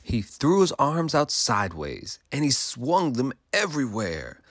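A man's voice: medium pitch, huge pitch swings, a little slow, no room sound, clean studio sound. A male teacher reading a rhyming picture book aloud to children in a sing-song way, stopping to ask them questions.

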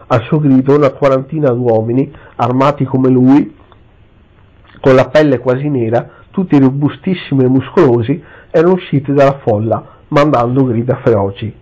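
A man's voice: medium pitch, normal speed, dark tone. Man reading an adventure novel aloud. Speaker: reader. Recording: slightly dull lo-fi recording.

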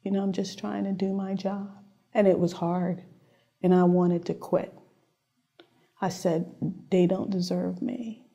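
A woman's voice: fairly low pitch, flat delivery, a little slow, gravelly, pauses often, warm tone, highs cut off. A middle-aged woman from Trinidad and Tobago, an officer speaking earnestly in a studio interview. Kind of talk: personal interview.

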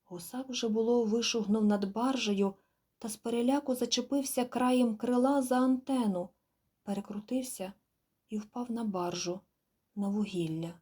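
A woman narrating an audiobook in a measured, quiet, expressive storytelling manner. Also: fairly high pitch, breathy edge. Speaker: audiobook reader. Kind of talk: scripted narration.

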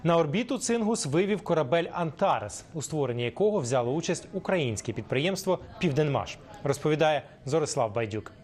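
A man presenting a television news program in a measured, formal way. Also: on the high side, lively intonation, crowd noise. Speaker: news anchor.

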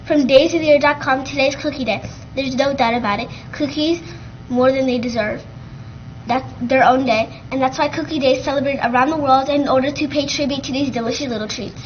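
A teenage girl co-anchoring a school morning news show, reading announcements in a brisk, upbeat way. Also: high-pitched, dull audio, slight background noise. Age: teens. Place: school TV studio, green screen.

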